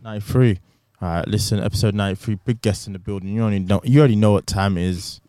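A man's voice: lowish voice, fairly even intonation, racing, mellow, clean tone, no room sound. Male podcast host, casual banter, very dry close recording.

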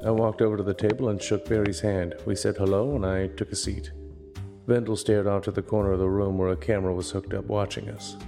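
A man's voice: fairly low pitch, brisk, creaky, soft background music. Man narrating a wry noir detective tale. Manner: dry, wry, deadpan. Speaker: narrator and lead private investigator.

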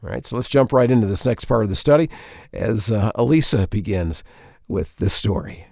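A man hosting a faith podcast, reading an earnest, measured segment introduction close to the mic. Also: lowish voice, expressive, gravelly, darkish tone. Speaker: podcast host.

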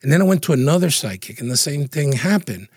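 A man with a husky voice, a guest in an interview, telling anecdotes in a lively, casual way with frequent laughs. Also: on the high side, quick pace, dry recording, clean studio sound. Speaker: interview guest, feng shui consultant.

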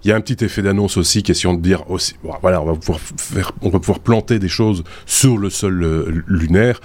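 A man, hosting a casual podcast and talking in a relaxed, hesitant way to viewers. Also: low voice, fairly quick. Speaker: host.

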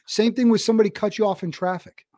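A man's voice: high voice, fairly even intonation, quick pace, mellow, no echo, studio quality. A man hosting a podcast interview, friendly and affirming, casually calling his guest "man" and "bro.". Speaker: podcast host.

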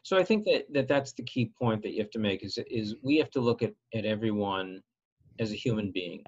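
Earnest advocate guy in an interview, measured, restarts his sentences, kinda muffled lo-fi sound. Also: lowish voice, slightly rough. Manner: earnest, measured, repeats opening words. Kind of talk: conversational interview. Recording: slightly dull lo-fi sound.

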